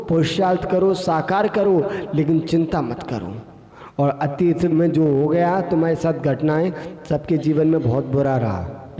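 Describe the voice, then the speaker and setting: A man's voice: a little high, warm tone. A man, a Jain monk, delivers a sermon and tells a story, acting out the voices of its characters. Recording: echoey hall with long reverb.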